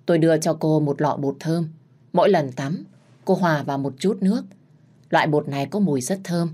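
A woman's voice: low voice, fairly quick, mellow, husky. A woman voicing an older female village shaman who gives stern, instructive warnings.

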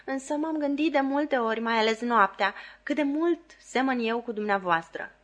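A woman's voice: fairly high pitch, fairly bright tone, voice pushed up, close to an everyday voice. A woman reading an audiobook, voicing Camila, a fragile, self-pitying lady who sighs and drags out her complaints. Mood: plaintive. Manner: plaintive, sighing, drawn-out.

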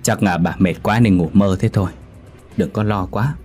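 A kind, grieving older father-in-law in a spoken ghost story, played by a male narrator. He talks softly, with a low, soothing voice. Faint music plays behind. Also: normal speed, close to an everyday voice. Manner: soft, pleading, soothing.

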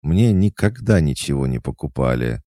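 A man plays an indignant cat goddess with a childlike, sulky streak. The voice stays low and gravelly under the pout, with dry, close audiobook sound. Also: very animated, moderate pace, warm tone, no room sound, heavily acted. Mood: petulant.

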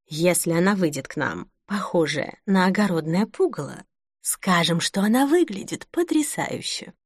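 A woman's voice: mid-range voice, measured pace, no room sound, clean studio sound. Woman voicing a weary grumbling friend. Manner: flat, grumbling, muttered replies. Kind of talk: audiobook character reading.

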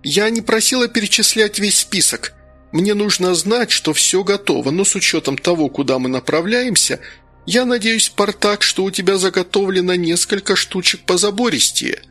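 Man voicing a brisk female commander. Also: sits high, a bit bright, soft background music, pitched above the performer's own voice. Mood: impatient. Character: stern female guard commander.

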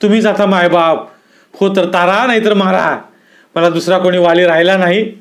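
A poor washerman, frightened and helpless, begging desperately in a high, strained voice, as a man puts him on for a storybook reading. He sounds small and at the mercy of others. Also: steady tone, normal speed, natural voice. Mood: pleading.

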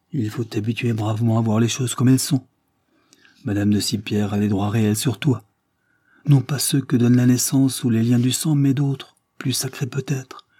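A man's voice: medium pitch, mellow, breathy edge, dry recording, clean studio sound, natural voice. A man voicing a grieving, stern aristocratic mother as he reads a classic novel aloud, solemn and pleading.

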